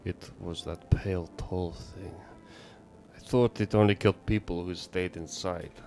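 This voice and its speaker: A man voicing a worried, guilt-ridden father and neighbor in a horror game, hushed and anxious. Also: deep voice, fairly even intonation, racing, gravelly, a little hiss or hum, voice pushed down.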